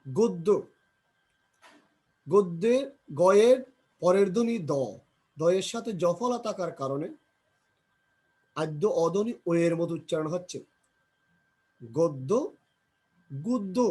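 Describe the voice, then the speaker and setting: A man teaches grammar, slowly drilling pronunciation, repeating example words and posing questions he then answers himself. His voice is high, a little mellow and slightly rough.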